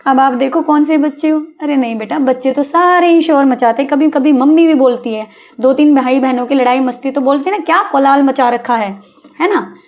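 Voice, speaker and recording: A woman teaching a Hindi vocabulary lesson to children, coaxing them with "hai na?" and spelling words out slowly. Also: sits high, a little mellow. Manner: coaxing, calls listeners beta, asks "hai na?".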